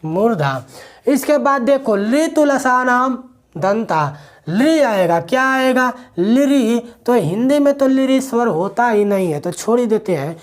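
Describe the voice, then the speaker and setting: A man's voice: very high voice, lively intonation, measured pace. A male teacher, giving a classroom grammar lecture to students. He asks questions and answers them himself, repeating the key words.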